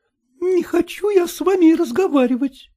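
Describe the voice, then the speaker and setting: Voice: very high voice, animated, normal speed, mellow, voice pushed up. A reader voicing a young bride who answers her husband in a haughty, sulky way.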